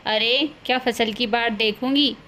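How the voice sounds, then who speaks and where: A woman's voice: fairly high pitch, fairly even intonation, measured pace, pushed and bright, slight background noise. A woman voicing a scolding, greedy older village mother-in-law in a cartoon, bossy and scornful. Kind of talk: cartoon voice acting.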